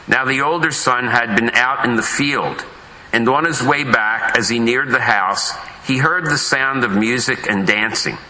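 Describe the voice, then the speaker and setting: A pastor reading a Gospel passage aloud at Mass in a measured, solemn way, his voice carrying with a big church echo. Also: fairly low pitch, pushed and bright. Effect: big echoing church reverb. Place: large church. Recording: roomy echoing church sound.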